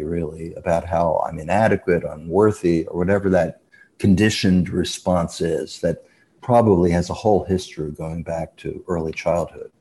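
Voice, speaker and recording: A man speaks as a guest on a radio interview in a very deep voice. His tone is dark and mellow. He explains step by step in a measured way and lets his phrases fade out softly. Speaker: guest expert on dreams.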